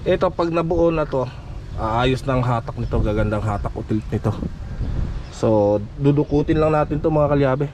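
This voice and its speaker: A man's voice: mid-range voice, moderate pace, a little mellow. A man giving casual hands-on repair commentary as a mechanic vlogger, in short fragmented remarks while he works. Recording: noisy, vehicle sounds behind.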